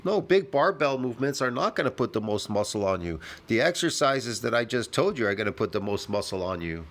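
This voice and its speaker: A man's voice: medium pitch, very animated, brisk, fairly bright tone. A man giving blunt, casual commentary as he reacts to a clip, brash and argumentative, swearing freely.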